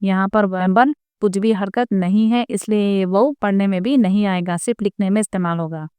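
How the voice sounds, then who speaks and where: A woman teaching Quran recitation rules in a patient, methodical lesson. Her voice is very clear and smooth, recorded close up with no room sound. She often pauses to ask her viewers rhetorical questions. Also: mid-range voice, dark tone, dry recording. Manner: patient, explains each rule and asks rhetorical questions.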